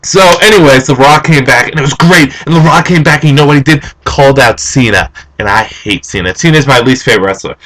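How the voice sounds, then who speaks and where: Animated young man ranting about wrestling. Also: medium pitch, fast talker, few pauses, rough recording. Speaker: vlogger. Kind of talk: casual opinion rant.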